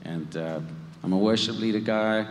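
South African man, low voice, self-deprecating worship leader, echoey hall. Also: moderate pace. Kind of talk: casual onstage interview. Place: church hall.

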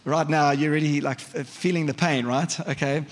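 A man's voice: fairly high pitch, fairly even intonation, a little fast. A man preaching a sermon in a church, conversational and vivid, often asking the congregation questions. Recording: long hall reverb.

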